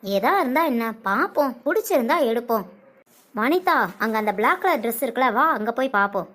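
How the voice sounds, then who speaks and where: A woman voicing a calm young niece in a comedic cartoon, reasoning and soothing to end a quarrel. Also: on the high side, a little fast. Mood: casual. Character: calm young niece trying to keep peace.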